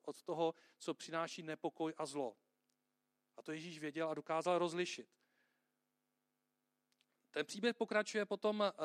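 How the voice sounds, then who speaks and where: Male pastor, chatty sermon delivery, voice on the high side, dry close recording. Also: no room sound. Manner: conversational, checks in with listeners.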